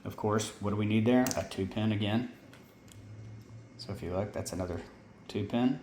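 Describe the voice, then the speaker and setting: Guy explaining his diy setup kinda rambly, low-ish voice, echoey room. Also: normal speed, darkish tone, slight background noise. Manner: rambling, self-correcting, informal. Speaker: hobbyist maker explaining his gear. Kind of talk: casual how-to walkthrough. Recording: roomy sound with faint ambience.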